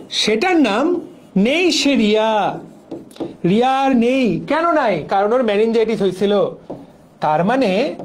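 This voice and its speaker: A man's voice: high-pitched, darkish tone, slight background noise. A young man from Bangladesh teaching a biology exam-prep class, drilling memory tricks through repetition. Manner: playful, drills mnemonics with repetition. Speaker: biology lecturer.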